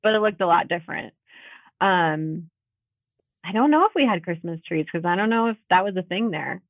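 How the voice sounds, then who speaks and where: Joining a podcast over a video call, this woman in her thirties talks casually, laughing often and using plenty of fillers. She has a fairly low, expressive voice at a moderate pace, on tinny, phone-like audio with no echo.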